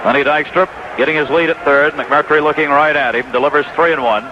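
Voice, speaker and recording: A dull, noisy 1980s radio recording carries an American announcer's live baseball play-by-play from the ballpark booth. His voice is a little high, brisk and steady in tone.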